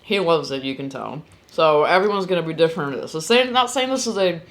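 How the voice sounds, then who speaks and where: A woman's voice: sits low, animated, fast talker. A woman giving a candid, casual tasting review as the host, in plainspoken style.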